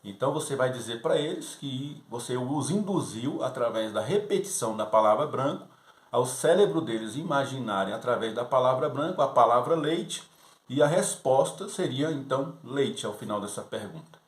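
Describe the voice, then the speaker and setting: A man talks fellow teachers through a Sunday school lesson, easygoing and conversational. His voice sits at a middle pitch and often checks in with a quick "right?". The room around him is echoey. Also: animated. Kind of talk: teaching tips for youth class teachers.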